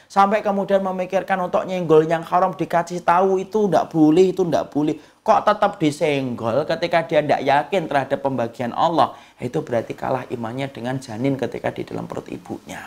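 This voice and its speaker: A man's voice: creaky, a little mellow. A male preacher, giving a folksy sermon that asks the audience questions and answers them himself. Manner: folksy and joking, wide swings in pitch. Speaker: Islamic preacher. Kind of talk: sermon lecture.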